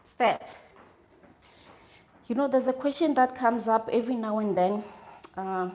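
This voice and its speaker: A woman's voice: a little high, normal speed, warm tone, dull audio. A woman leading a workout as a fitness instructor, giving encouraging coaching and instructions. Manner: encouraging, urging with clipped repeated commands during exercise. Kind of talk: workout coaching, instructions and short motivational cues.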